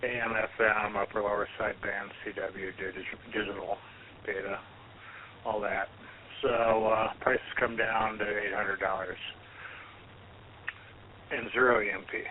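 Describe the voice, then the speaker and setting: A man with a slightly low voice speaks over a ham radio transmission, halting and technical with frequent ums. The sound is thin and narrow like a radio link. A faint hiss sits under it. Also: flat delivery. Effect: heard over a ham radio transmission. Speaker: amateur radio net participant. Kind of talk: radio net check-in talk.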